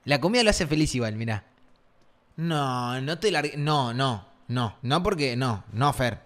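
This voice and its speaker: A man's voice: mid-range voice, unhurried. A man with an Argentine accent, joking and teasing as he commentates a life-simulation game on a stream. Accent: Argentine Rioplatense Spanish. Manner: playful and teasing, with animated swings in tone. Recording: game music playing behind the voice.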